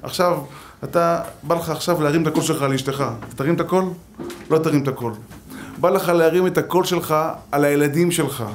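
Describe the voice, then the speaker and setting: A man preaching a Torah lesson with a somewhat high voice. He tells lively stories and acts out quotes and jokes as he teaches. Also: a little hiss or hum. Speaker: rabbi.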